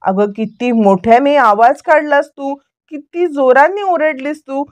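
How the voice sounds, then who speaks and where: A woman's voice: high-pitched, measured pace. A woman reading out the lines of a scheming, sarcastic middle-aged man from a television serial, in a mocking, taunting tone.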